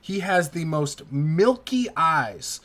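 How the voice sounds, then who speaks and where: This man's somewhat high, slightly bright voice is expressive as he improvises narration as a tabletop game master. He speaks informally and haltingly, often hunting for the right word.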